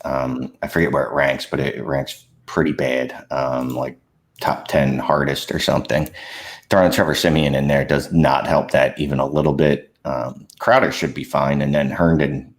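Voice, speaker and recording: A man on a casual sports show who speaks in a matter-of-fact way. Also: a bass voice. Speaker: podcast panelist.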